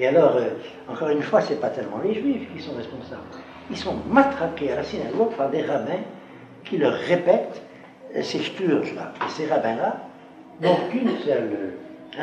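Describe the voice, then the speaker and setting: A man giving an emphatic lecture to an audience, often stopping to check they follow. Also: fairly high pitch. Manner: emphatic, keeps checking with rhetorical questions. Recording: echoey room with background noise.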